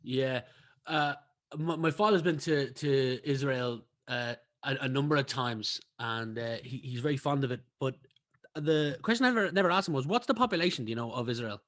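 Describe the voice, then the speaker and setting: A man's voice: medium pitch, moderate pace, a bit bright. A man hosting a podcast interview, chatty and friendly. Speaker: podcast host. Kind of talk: casual interview.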